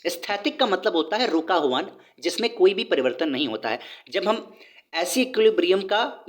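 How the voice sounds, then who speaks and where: Man explaining in a conversational teaching tone. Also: sits high. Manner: conversational, repeats points and asks rhetorical questions; reads from a book and then explains in his own words. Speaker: economics teacher. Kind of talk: explanatory video lesson.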